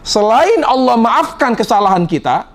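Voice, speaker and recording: Emotive male preacher, swinging pitch. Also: big pitch swings, normal speed. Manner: emotive storytelling with sudden swings in pitch and quiet trailing endings. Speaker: Islamic preacher. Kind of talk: sermon. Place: lecture before a congregation.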